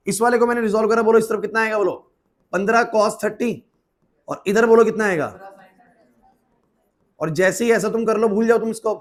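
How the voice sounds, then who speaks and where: A man teaches physics to a class in a quick, high voice. He fires questions at students, calls them by name and keeps urging them to focus. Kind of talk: classroom lecture.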